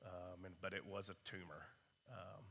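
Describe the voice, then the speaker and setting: A hoarse man with a cough, leading a church Bible study with relaxed, rambling announcements and prayer requests. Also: deep voice, normal speed. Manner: relaxed, rambling, many fillers. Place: church room. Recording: long reverb of a church hall.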